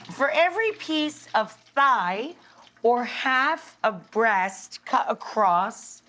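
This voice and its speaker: Woman, middle-aged, cooking show host, chatty and enthusiastic, unhurried delivery, slightly high voice. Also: pushed and bright. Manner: chatty, enthusiastic, talks to the viewers. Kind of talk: casual cooking demonstration. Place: studio kitchen.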